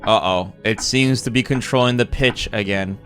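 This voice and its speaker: A man's voice: on the low side, moderate pace, fairly bright tone, soft background music. A man streaming a co-op puzzle game, thinking aloud and laughing often as he talks to his partner. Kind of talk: casual co-op game chat.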